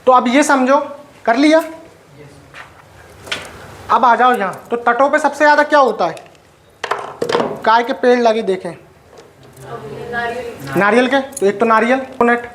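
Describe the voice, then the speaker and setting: Teacher, live classroom lecture, dictates notes, keeps asking questions, mid-pitched voice, faint background noise. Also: unhurried, long pauses, a bit bright. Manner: quizzes students and checks for doubts.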